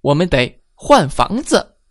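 A woman voicing a pushy mother mouse in a children's bedtime story, loudly making demands. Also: sits low, sing-song, takes it slowly, dry recording, studio quality, voice pushed up, exaggerated voice. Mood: demanding. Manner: shouting demands.

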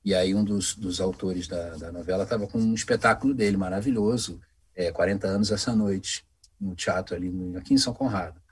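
A man, a voice actor telling anecdotes in a casual interview, animated and acting out the voices of the people in his stories. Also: deep voice, fairly quick, husky. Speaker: voice actor guest.

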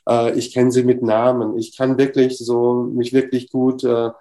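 A middle-aged man telling a personal story in an interview, lively and full of fillers, acting out the dialogue as he goes. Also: mid-range voice, measured pace. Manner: animated, acts out dialogue, many fillers. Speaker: interview guest. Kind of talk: casual storytelling.

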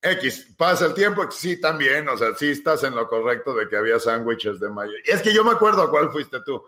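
Bright-voiced man telling a story. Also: medium pitch, fairly quick. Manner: animated, slangy, mixing in English. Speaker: podcast co-host. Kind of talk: casual storytelling chat. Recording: roomy echo.

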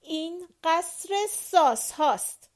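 A woman playing a shrill complaining maid. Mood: shrill complaint. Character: grumbling, plaintive female maid. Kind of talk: audiobook character voice.

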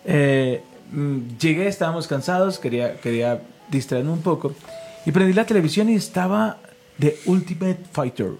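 A man's voice: a little high, animated, normal speed, a little mellow, soft background music, low-quality recording. A man, a pastor and podcast host, preaching casually, telling stories and leading a call-and-response prayer. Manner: leads call-and-response prayer, fervent and storytelling.

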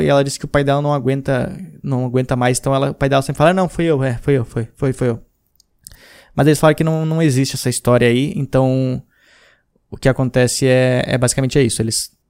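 A Brazilian man in his thirties, with a medium-pitched, darkish voice, hosts a podcast. He chats casually while reading listener messages, rambling with slang and restarts.

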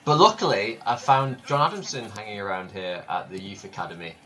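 Hesitant stammery guy doing an interview, bright lively voice, faint noise behind. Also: lowish voice, fairly quick, poor audio.

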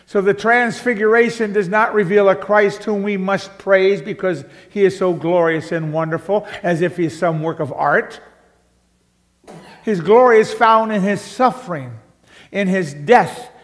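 A man preaching a sermon in a church, slow and measured, building to loud emphatic passages and then sinking to soft, hushed ones. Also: high voice. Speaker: pastor. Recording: long church hall reverb.

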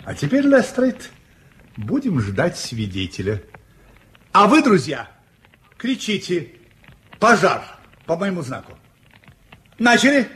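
Radio-play detective: husky, fairly high voice, playful, superior, courteously commanding. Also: male voice, huge pitch swings, slow pace, pauses often, fairly bright tone, exaggerated voice. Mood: brisk, amused. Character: brilliant, theatrical, playfully superior male detective. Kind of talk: theatrical radio-play dialogue.

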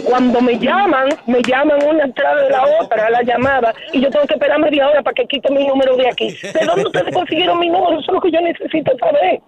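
A very high-voiced woman talks over a dull, lo-fi phone line. She sounds indignant and insistent, arguing and complaining like someone fed up with a call. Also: fast, few pauses, a crowd in the background. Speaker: prank call victim. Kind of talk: exasperated phone conversation. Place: at home on the phone. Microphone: telephone.

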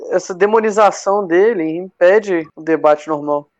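A man's voice: high-pitched, moderate pace. A man co-hosting a podcast in casual political chat, asking questions in laid-back slang. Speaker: podcast co-host. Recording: dry, dull lo-fi sound.

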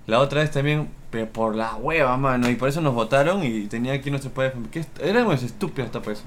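A man's voice: medium pitch, fast talker, slight background noise. A young man telling school anecdotes in crude slang, acting out quotes playfully. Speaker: podcast co-host. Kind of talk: casual anecdote storytelling.

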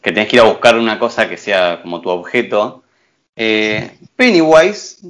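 A man's voice: on the low side, normal speed. A young man with a Rioplatense accent chatting casually and mockingly about a film. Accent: Rioplatense Spanish. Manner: animated, mocking, slangy. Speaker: co-host reviewing a film. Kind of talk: casual film review chat.

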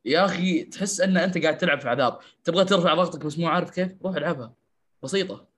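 A man's voice: fairly high pitch, very fast, breathy edge. A man, co-hosting a casual gaming podcast, ranting with laughs. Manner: animated, laughs while ranting. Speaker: podcast co-host.

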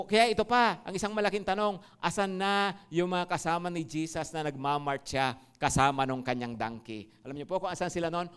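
A man with a Filipino accent preaching a sermon, animated, asking the congregation one question after another. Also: fairly high pitch, clear, resonant tone. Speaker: pastor.

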